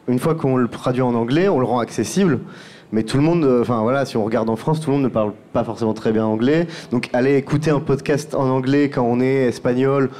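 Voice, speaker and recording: A man's voice: medium pitch, warm tone. A man who produces podcasts, talking through his work in a round-table discussion and often restarting his phrases.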